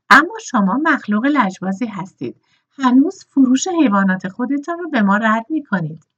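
Woman voicing a loud, pushy old planter. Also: fairly high pitch, breathy edge, muffled recording, voice pushed up, exaggerated voice. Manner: loud, persuasive, coaxing. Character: hearty older male plantation owner, pushy.

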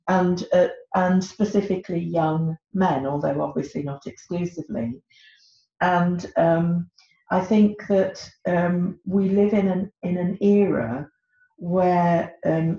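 On a podcast with echoey, dull lo-fi sound, a British author in middle age speaks as the guest. She says um a lot and sounds hesitant, her voice on the low side, creaky yet mellow.

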